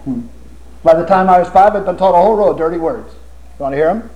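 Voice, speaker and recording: A man's voice: high voice, fast, noisy background. An older man preaching a sermon with impassioned rhetorical questions and humorous stories. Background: audience laughter.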